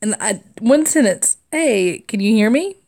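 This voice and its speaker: A woman in her thirties from the Southern US hosts a live cross-stitch stream, chatting casually, laughing often, and reading out viewer comments. Her voice is a little high and mellow, with lively intonation and a slow pace.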